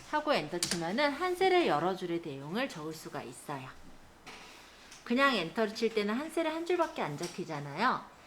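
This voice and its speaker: This woman teaches spreadsheets one step at a time, explaining each stage and frequently checking in with quick tag questions. She has a medium-pitched voice, with slight background noise in the recording.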